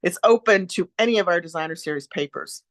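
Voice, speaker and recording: A chatty, upbeat woman with a somewhat low voice hosts a casual craft class on a live stream. She rambles from one aside to the next with plenty of fillers and stops to greet viewers by name. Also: fast.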